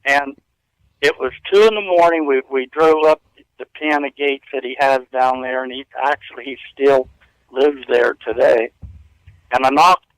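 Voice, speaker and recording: Speaking from a hotel room as a radio interview guest, a man in his fifties rambles earnestly through his stories with frequent chuckles. His mid-range voice is clear and resonant, with fairly even intonation at a moderate pace. There's no room sound, but the audio is poor.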